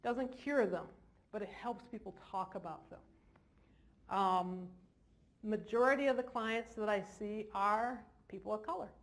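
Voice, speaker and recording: A woman clinician gives an informal lecture to a live audience in a large hall, adding jokey, self-deprecating asides. Her voice is medium-pitched and her pace measured.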